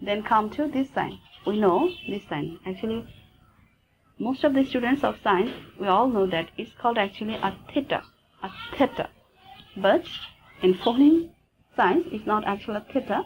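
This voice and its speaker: A woman with a Bengali accent teaching English phonetics, talking slowly and deliberately and repeating each sound for practice. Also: medium pitch, expressive, slight background noise, poor audio. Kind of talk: phonetics lesson.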